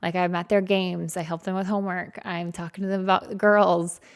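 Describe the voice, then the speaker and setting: Low, gravelly-voiced chatty woman co-host. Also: flat delivery, a little fast. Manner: chatty, self-deprecating, laughs often. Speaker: podcast co-host. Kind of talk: casual chat.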